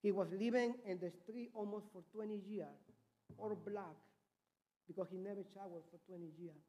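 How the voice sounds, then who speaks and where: A man's voice: sits high, fairly even intonation, normal speed, dark tone. A man from Peru preaching a sermon as a missionary, with a Peruvian Spanish accent and impassioned, swinging volume.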